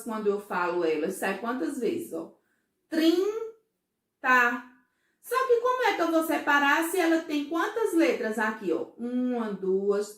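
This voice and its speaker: A woman teaching a first-grade class, explaining slowly and patiently, often checking that the children follow. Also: high-pitched, a bit bright, roomy sound. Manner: slow, patient, syllable-by-syllable explaining; frequent checking questions to pupils. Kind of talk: recorded remote class for children.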